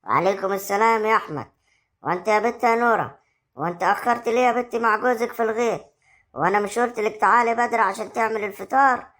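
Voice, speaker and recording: A woman's voice: fast talker, fairly bright tone, close to an everyday voice. A woman with an Egyptian accent acting a domineering village mother who scolds her son's wife in an amateur family drama. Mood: scolding. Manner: scolding, shrill and confrontational. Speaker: actor in amateur web drama.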